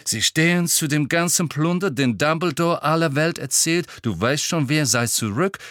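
A man voicing a sharp, scheming female tabloid reporter with a pushy, insinuating manner. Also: on the high side, normal speed, dry recording, clean studio sound, voice pushed up, close to an everyday voice. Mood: probing. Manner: pushy, insinuating, then breathy and honeyed.

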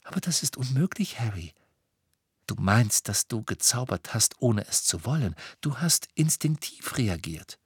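A man voicing a gentle, clever teenage girl witch who speaks softly. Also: mid-range voice, very animated, measured pace, slightly rough, no room sound, clean studio sound, exaggerated voice. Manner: gentle, soft.

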